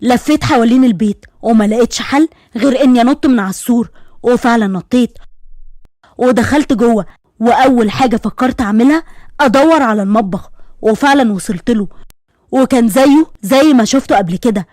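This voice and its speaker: A woman with an Egyptian accent narrates a first-person horror tale in a quick, suspenseful run of speech. Her voice sits a little high, recorded close and dry with no room sound. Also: a little mellow, no room sound. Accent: Egyptian Arabic. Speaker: storyteller.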